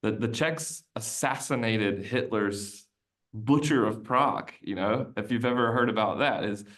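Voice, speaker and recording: A man with a fairly low, slightly bright voice from the United States is a podcast guest in a casual interview. Unhurried, he tells a long, rambling story, often looping back and restarting sentences.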